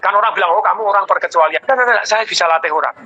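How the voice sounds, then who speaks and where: A man's voice: sits high, racing, low-quality recording. A middle-aged man, a business coach, telling emotional stories animatedly in an interview. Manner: emotional, animated storyteller with many repeated exclamations. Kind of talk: conversational storytelling interview.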